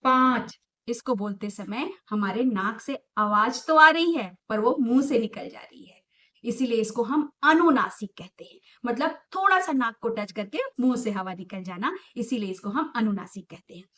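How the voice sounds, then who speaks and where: A young woman with a slightly high voice gives a lesson to small children. She talks in an emphatic, sing-song way. She asks questions and answers them herself. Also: animated, normal speed, a bit bright. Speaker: teacher.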